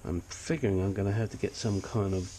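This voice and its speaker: An older man with a sniffly nose walks through his engine work in a cluttered home garage workshop, blunt, chatty and self-deprecating. He's a hobbyist engine restorer, and his lowish, mellow voice moves briskly with fairly even intonation. There's slight background noise in this casual walkthrough.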